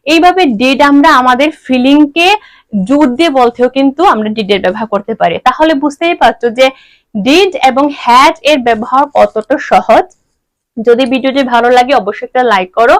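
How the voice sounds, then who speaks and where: Lady teacher, high voice, dry close sound, asks herself questions then answers. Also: normal speed, no echo, low-quality recording. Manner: explains step by step, asks and answers own questions. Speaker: English grammar teacher. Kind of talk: online grammar lesson.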